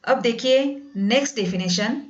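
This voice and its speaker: A woman teaching a math class, patiently repeating each definition slowly and addressing her students as "beta". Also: a little high. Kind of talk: classroom lesson in Hindi with English definitions. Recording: dull lo-fi sound.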